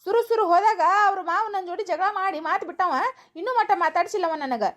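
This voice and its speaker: A woman playing a grumpy older village husband in a comedy skit, with a North Karnataka accent and a gruff, argumentative manner. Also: extremely high pitch, fast, pitched below the performer's own voice. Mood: stubborn. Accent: North Karnataka Kannada.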